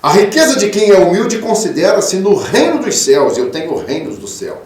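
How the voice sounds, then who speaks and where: A male pastor preaches in a high voice, calling his listeners "son" in a fatherly way. He rises to loud, emphatic peaks and drops to soft, low tones. The sound is roomy and echoing, recorded from a little way off the microphone. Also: very animated, normal speed, recorded from a distance. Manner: fatherly, calls listeners 'filho'. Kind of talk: radio sermon. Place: radio studio.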